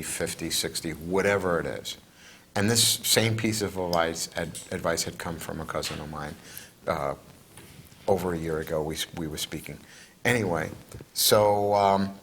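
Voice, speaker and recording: Middle-aged male co-host, low voice, loose rambling delivery. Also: fairly bright tone. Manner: rambling, repeats himself. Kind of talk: casual chat.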